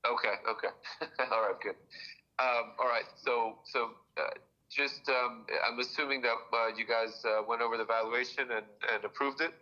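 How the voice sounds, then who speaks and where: A man's voice: mid-range voice, fairly even intonation, normal speed, pushed and bright. A man giving a report to a board while heard through a phone on speakerphone, hesitant and full of "uh" and restarts. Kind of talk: reporting at a public meeting by phone. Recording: muffled phone call over a room speaker.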